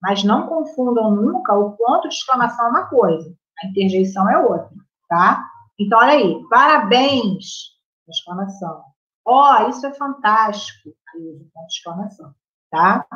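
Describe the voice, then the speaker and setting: A Brazilian Portuguese-accented woman teaches a live grammar class. She talks in a chatty way and keeps checking in with her students. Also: medium pitch. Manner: chatty, checks in with the class by constantly asking "right?". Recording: roomy, slightly muffled room sound.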